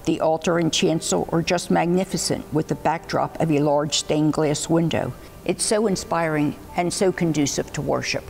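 A woman's voice: low-pitched, moderate pace, gravelly, a little mellow, rough recording. An older woman, a lifelong church member, describing the sanctuary admiringly in an interview inside a church.

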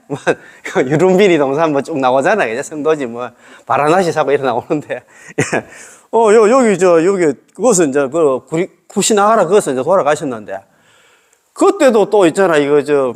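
A man's voice: a little high, a little mellow. A man, a Buddhist monk, giving a casual dharma lecture and checking in with listeners by asking questions. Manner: chatty, checks listeners with tag questions, chuckles often.

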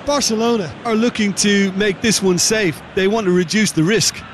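A man giving measured, reflective co-commentary for a football video game. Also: high voice, lightly acted, rough recording. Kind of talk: video game match analysis. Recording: studio voice over loud crowd noise.

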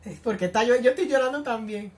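A woman giving reaction commentary as a YouTuber, excitable and gushing, full of exclamations. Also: fairly high pitch, quick pace.

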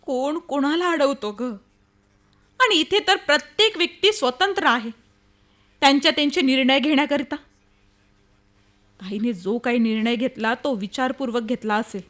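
An actress in an old-style radio play as an anguished young woman grieving for her sister, speaking in an emotional, halting, dramatic way. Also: high voice, fairly bright tone. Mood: resigned. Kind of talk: radio play acting, old radio show manner.

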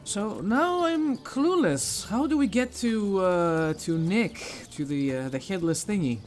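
A man with a fairly high voice gives casual playthrough commentary. He thinks aloud and reacts to the game, with game music faintly behind him. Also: animated, slow. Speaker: gaming video host.

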